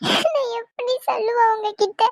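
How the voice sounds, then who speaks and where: A woman voicing a guilt-ridden, lovesick young bride in a cartoon, crying and pleading softly. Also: moderate pace, vocal fry, no echo, poor audio. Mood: tearful. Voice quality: very high, childlike voice. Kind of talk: cartoon dubbing.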